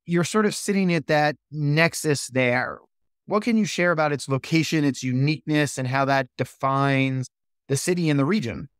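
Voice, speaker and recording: Male interview host, smooth clear voice, dry close sound, easy conversational questions. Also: a little high, moderate pace, no echo. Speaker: podcast host.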